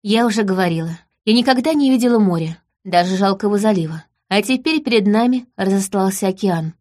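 A woman narrating an audiobook in the first person, in a calm storytelling manner. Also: mid-range voice, fairly quick.

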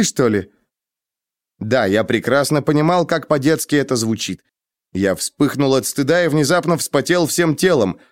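A man narrating an audiobook in the first person, measured and reflective, recorded close in a studio booth. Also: medium pitch, dry recording.

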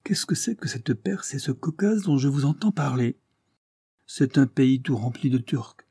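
A man's voice: medium pitch, lively intonation, moderate pace, dark tone, husky, no echo, studio quality, voice pushed up. A man voicing a fretful, devoted old servant woman who pleads and fusses. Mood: pleading. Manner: pleading, fussing.

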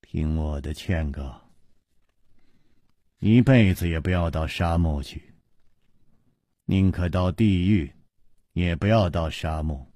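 A man's voice: slow, long pauses, warm tone, dry recording, studio quality. A man voicing a proud but crippled wealthy man who speaks with weary, bitter restraint. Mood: grave warning. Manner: low, subdued, bitter wry tone.

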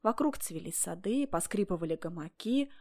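A woman narrating a story in a calm, steady reading voice. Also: fairly low pitch, moderate pace. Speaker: reader.

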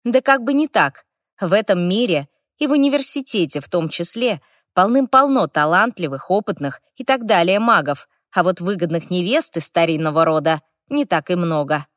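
A woman's voice: on the low side, moderate pace, no room sound, clean studio sound. Wry woman reading a fantasy audiobook. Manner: wry, lively, expressive storytelling. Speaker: audiobook narrator.

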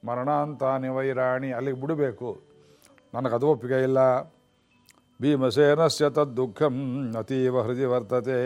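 A man giving a religious discourse on an epic, chanting Sanskrit verses slowly and then explaining them in plain speech. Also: mid-range voice, a little mellow.

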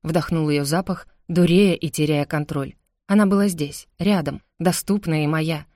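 Woman, low voice, first-person novel narration, intense, emotional, dry. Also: fairly even intonation, normal speed, warm tone, no echo. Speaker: audiobook narrator.

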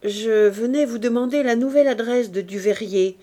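A woman's voice: fairly high pitch, moderate pace, mellow, close to an everyday voice. A woman reading an audiobook, voicing an impatient man pressing for an address. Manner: curt, pressing. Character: man in a hurry, impatient visitor.

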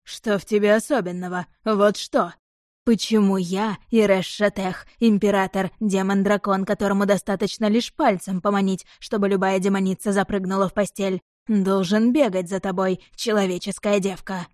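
A woman voicing an arrogant, furious male demon-dragon emperor who speaks slowly, hoarse and possessive. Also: medium pitch, flat delivery, darkish tone, dry recording, studio quality, lightly acted. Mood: contemptuous rage. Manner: slow, hoarse, possessive hissing.

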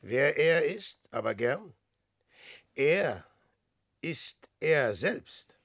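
A man's voice: on the high side, very animated, drawn-out words, a bit bright, slightly rough, exaggerated voice. An actor playing Peer Gynt, a restless grandiose adventurer, declaiming his musings in rhyme in a classic radio drama. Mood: proud.

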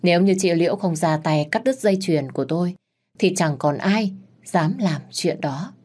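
A woman narrating a story in a steady, solemn manner. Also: on the low side, moderate pace. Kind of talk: scripted narration.

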